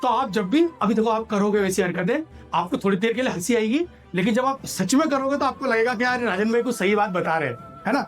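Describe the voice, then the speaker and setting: A male sales trainer giving an energetic motivational seminar in a hall and drilling the audience to repeat his lines. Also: sits high, brisk, few pauses, soft background music.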